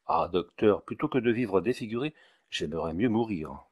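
A man's voice: fairly low pitch, very animated, normal speed, slightly rough, lo-fi sound, exaggerated voice. A man reading the part of a wounded notary who speaks plaintively, in an audiobook. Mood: doleful. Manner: plaintive, doleful.

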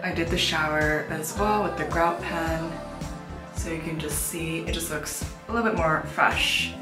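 An unhurried woman with a lowish voice vlogs informally, thinking aloud as she completes tasks. She is indoors in an empty apartment and small tiled bathroom, where the rooms echo and background music plays.

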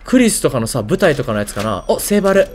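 A man's voice: mid-range voice, very animated, fast talker, slight background noise. A man with a Kansai Japanese accent doing casual video game commentary, thinking aloud in short muttered questions.

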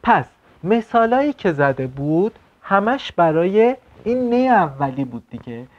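Man teaching slowly, dull lo-fi recording. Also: high-pitched, very animated. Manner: asks quick checking questions, repeats words slowly. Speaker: Turkish language teacher. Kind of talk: explanatory online lesson at a whiteboard. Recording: slightly dull lo-fi sound.

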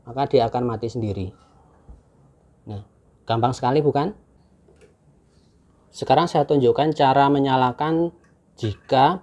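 Calm man explaining step by step. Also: medium pitch. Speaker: channel host demonstrating a camping stove. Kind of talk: casual how-to demonstration. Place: indoors at a table, hands-only camera.

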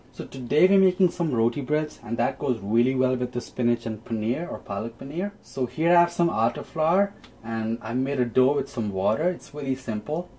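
Walking viewers through a recipe one step at a time, this young man hosts a relaxed cooking demo from his small home kitchen. He speaks in a mellow, mid-range voice.

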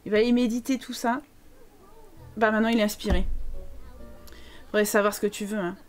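A woman's voice: medium pitch, fairly even intonation, brisk, over music. A woman streaming a life-sim game live, chatting playfully to her characters and thanking viewers as she goes. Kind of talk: live gameplay commentary.

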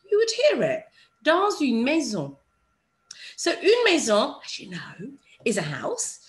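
A woman teaching an online French lesson, patiently modelling phrases slowly for learners to repeat. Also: a little high, a bit bright. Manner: patient, encouraging teacher talk. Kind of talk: online language lesson with screen share.

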